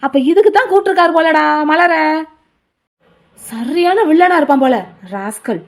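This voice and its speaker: Woman doing a high-voiced young college lad, frantic, pleading, cartoon dub. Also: animated, moderate pace. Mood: indignant. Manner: loud, pleading, rambling. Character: excitable young male college student.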